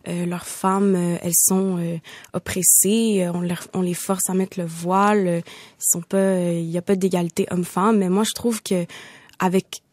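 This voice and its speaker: A woman's voice: fairly low pitch, flat delivery, normal speed, darkish tone, no room sound. A young woman, guest on a radio interview, answering hesitantly with many fillers. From Morocco, raised in Quebec. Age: young adult. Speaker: guest artist.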